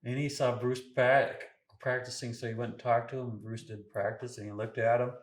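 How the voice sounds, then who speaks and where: An older man in his sixties hosts a relaxed chat, laughing easily and letting his sentences drift off. His voice sits at a middle pitch, and the room around him is echoey. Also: fairly quick. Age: 60s. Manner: easygoing, laughs often, trails off mid-thought. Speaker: podcast host. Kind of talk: casual chat.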